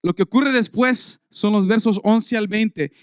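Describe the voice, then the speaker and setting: A man preaching a Sunday sermon in a relaxed, conversational way, reading scripture aloud and building emphasis. His voice sits high for a man. The sound is dry and close, with little room echo. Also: measured pace. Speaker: pastor. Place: church service.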